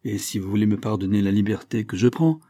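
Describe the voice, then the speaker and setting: Brief: a man doing an elderly English solicitor, dry and cutting, measured replies, mellow husky tone. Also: lowish voice, steady tone, dry recording, lightly acted. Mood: cool. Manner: curt, cold and measured. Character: dry, cutting old English family lawyer.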